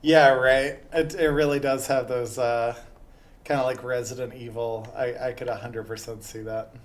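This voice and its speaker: A man's voice: mid-range voice, flat delivery, moderate pace. A man giving casual, chatty commentary while playing a video game. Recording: faint background noise.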